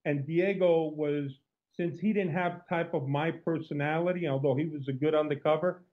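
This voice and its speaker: Heard on a tinny phone-like line, this Cuban man speaks at normal speed with a fairly high pitch and steady tone, his Cuban accent clear. Once an undercover agent, he's now an outgoing interview guest who tells stories and often restarts his sentences.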